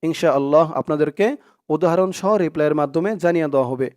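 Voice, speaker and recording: Guy with a highish voice teaching tajweed, breaks words into syllables, says them again and again. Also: a little mellow. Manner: spells out syllables slowly and repeats them. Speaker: Quran recitation teacher. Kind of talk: step-by-step recitation lesson.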